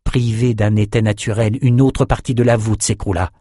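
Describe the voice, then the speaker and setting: A man's voice: lowish voice, fairly even intonation, mellow, no room sound, clean studio sound. Man narrating a fantasy audiobook. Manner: measured, dramatic reading. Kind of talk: scripted narration.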